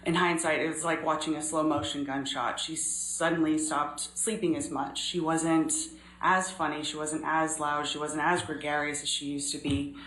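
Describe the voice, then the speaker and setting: A woman in her thirties giving measured, earnest courtroom testimony as a witness, pausing often. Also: low-pitched, flat delivery, fairly bright tone. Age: 30s. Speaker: trial witness. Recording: echoey courtroom recording, faint noise.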